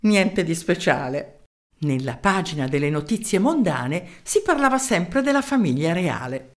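Lively woman reading a children's story. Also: on the low side, measured pace. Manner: expressive, lively narration.

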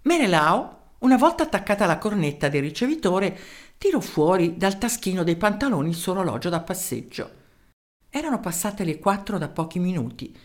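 With a voice on the low side and a moderate pace, a woman narrates a children's story with plenty of expression.

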